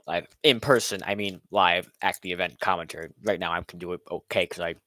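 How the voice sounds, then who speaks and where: A man's voice: low voice, fairly even intonation, brisk, bright, forceful tone, no echo. A man casually narrating a recap of a robot fight over footage, rambling with many fillers and restarts. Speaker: robot builder recapping his event.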